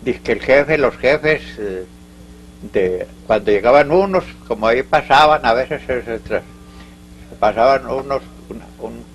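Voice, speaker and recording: A man's voice: mid-range voice, a little hiss or hum, rough recording. An older man from Colombia with a Paisa accent, telling local stories in an oral history interview. He rambles, halts and restarts as he goes. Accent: Colombian Paisa Spanish. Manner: rambling, halting, full of restarts and asides.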